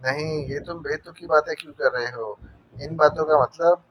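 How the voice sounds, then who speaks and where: A man's voice: on the high side, moderate pace, natural voice. A man voicing a captured male villain who stammers and makes threats, in an audio novel. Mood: angry. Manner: stammering, demanding. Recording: dull dry narration recording.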